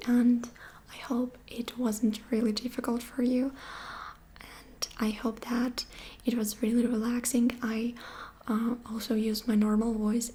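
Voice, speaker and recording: A woman giving a whispered ASMR lesson, speaking gently and softly and repeating each short phrase several times. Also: fairly high pitch. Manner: gentle, soft-spoken. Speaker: ASMR creator teaching phrases.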